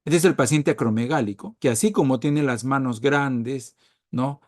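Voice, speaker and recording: A man's voice: mid-range voice, normal speed, darkish tone, dry recording, clean studio sound. A man giving a recorded medical lecture, checking on his listeners with frequent tag questions and stressing key words.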